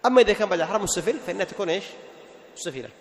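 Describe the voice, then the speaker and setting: A man teaching a class of students the rules of Quran recitation, quizzing them with quick questions, repeating the answers and chanting short examples. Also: high voice, lively intonation. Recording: long hall reverb.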